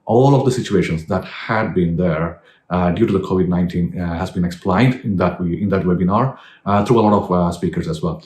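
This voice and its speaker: A man's voice: deep voice, a little fast, a little mellow, roomy sound. A man hosting and introducing a webinar clip, talking in a hesitant way with many fillers, his voice sounding re-recorded through a speaker. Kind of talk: unscripted spoken introduction.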